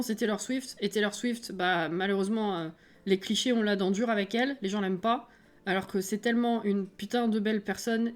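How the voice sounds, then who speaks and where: Woman streamer, French accent, casual live chat, laughs often, rambling. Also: mid-range voice. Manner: chatty and self-mocking, laughing often, rambling with hesitations.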